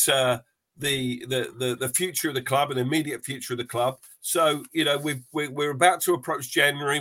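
A man with a very bright, forceful voice at a medium pitch, hosting a casual panel show. He addresses guests and listeners in a chummy, matey way. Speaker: podcast host.

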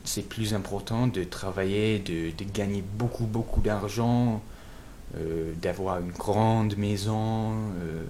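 Un homme venu d'Angleterre, de langue maternelle anglaise, qui répond en interview d'un ton hésitant en cherchant ses mots. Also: male voice, fairly low pitch, fairly even intonation, mellow, a little hiss or hum. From England. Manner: halting, searching for words. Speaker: guest. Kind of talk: interview answers.

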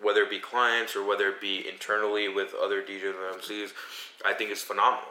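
A young man on a casual podcast, speaking reflectively with halting restarts. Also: on the low side, little pitch movement, pushed and bright, echoey room, low-quality recording. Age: young adult. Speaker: podcast co-host, DJ. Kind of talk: casual group chat.

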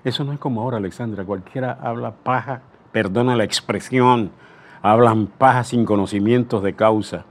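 A brusque radio boss dressing down a young announcer, as an old storyteller quotes him. The scolding comes in short, clipped lines with rising force. It is told in an everyday voice within a spoken anecdote. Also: male voice, medium pitch, moderate pace, close to an everyday voice. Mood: stern scolding. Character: stern male radio chief scolding a youngster.

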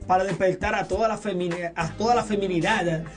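A man's voice: high-pitched, steady tone, brisk, soft background music. A man hosting a radio show, joking, teasing and hyping up his guests. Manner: joking, teasing, hype-building. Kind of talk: lively radio banter. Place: radio studio.

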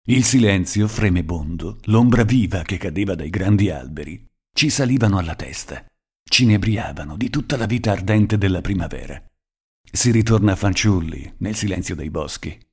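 A male narrator with a fairly low voice reads a short story aloud. His delivery is measured and expressive, in a scripted storytelling style.

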